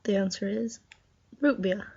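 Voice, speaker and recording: A woman with the hiccups chats through a casual home vlog at an unhurried pace. She reads jokes aloud in a halting way and laughs at her own slips. The recording sounds a little dull and lo-fi. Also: mid-range voice, warm tone, slightly rough. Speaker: vlogger. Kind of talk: casual video chat.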